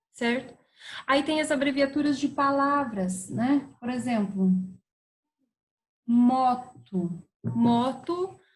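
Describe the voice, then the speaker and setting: A woman's voice: on the high side, poor audio. A woman teacher, patiently explaining a grammar lesson and checking in with her students as she goes. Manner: patient, spelling words out slowly with frequent "tá?" and "certo?" checks.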